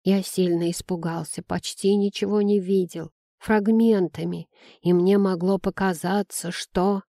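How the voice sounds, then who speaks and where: A woman reading an audiobook voices a frightened elderly male coachman who speaks slowly, quietly and haltingly. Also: medium pitch, fairly even intonation, no echo, studio quality, close to an everyday voice. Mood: shaken. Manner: slow, hushed, halting delivery.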